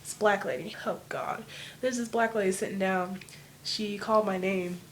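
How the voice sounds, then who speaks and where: A woman's voice: medium pitch, steady tone, moderate pace, a little hiss or hum. A teenage girl telling a personal story to camera at home, rambling casually and leaning on "like" as filler. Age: teens. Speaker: vlogger. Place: home room.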